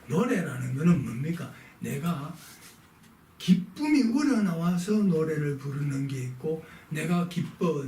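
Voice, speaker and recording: A man's voice: fairly high pitch, a little mellow, slight background noise. A man reading a text aloud and explaining it in a lesson, asking his listeners rhetorical questions and moving on with short prompts. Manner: rhetorical questions, frequent "자" to move on. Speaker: lecturer on philosophy. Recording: echoey room, mic at a distance.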